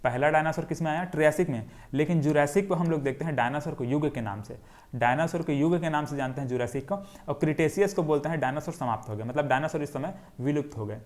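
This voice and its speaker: Young male teacher, a touch high-pitched, runs a lecture as repeated question and answer while drawing on a board. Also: fast talker. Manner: repetitive question-and-answer drilling. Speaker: geography teacher. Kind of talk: classroom lecture.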